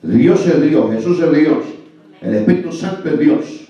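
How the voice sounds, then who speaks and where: The preacher, a Salvadoran pastor, speaks at a measured pace in a fairly high, dark, animated voice. His sermon is emphatic and peppered with "amén" and "¿verdad?", recorded far off in a muffled, highly reverberant church.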